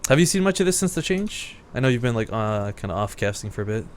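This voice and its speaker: A man's voice: medium pitch, sing-song, fast talker, a little hiss or hum. A man casting a video game match, chatty and upbeat, laughing often with his co-caster. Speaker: esports commentator. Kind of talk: casual play-by-play commentary.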